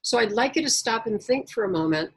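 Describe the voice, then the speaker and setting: A woman's voice: fairly high pitch, animated, a little fast, breathy edge, poor audio. A middle-aged woman giving a reflective motivational talk on a video call, with wordplay and humor. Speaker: speaker.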